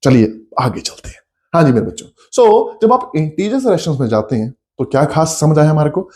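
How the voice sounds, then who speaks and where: A man's voice: fairly high pitch, moderate pace. A middle-aged man teaching a math lesson, coaxing his students along and acting out their questions. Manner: lively, coaxing, addresses students as beta, acts out their questions. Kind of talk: coaching class lecture.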